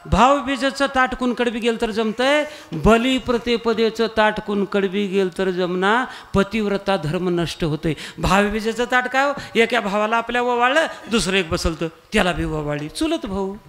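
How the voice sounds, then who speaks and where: Animated high-voiced male kirtan preacher. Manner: animated storytelling, breaks into sung verses. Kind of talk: humorous devotional sermon with singing.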